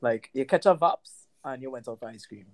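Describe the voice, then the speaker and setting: A woman's voice: very deep voice, fairly quick. A woman co-hosting a podcast, talking bluntly and expressively in casual chat. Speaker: podcast co-host.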